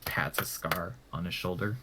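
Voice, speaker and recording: A man's voice: low voice, steady tone, moderate pace, noisy background. A man acting as game master, narrating a tabletop game in a loose, conversational way.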